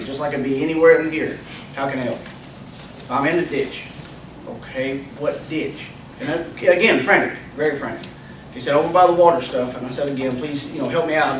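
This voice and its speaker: City worker guy walking the council through what happened, slightly high voice, noticeable background noise. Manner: plain step-by-step retelling, quotes others. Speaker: city public works employee. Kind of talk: recounting events at a council meeting. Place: council chamber. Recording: echoey room, distant, hissy.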